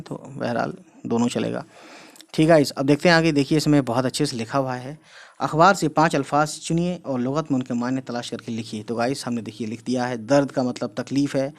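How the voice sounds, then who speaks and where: A man teaching a class, going through words one by one and often checking with "theek hai" as he explains. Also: medium pitch. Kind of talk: casual classroom lesson.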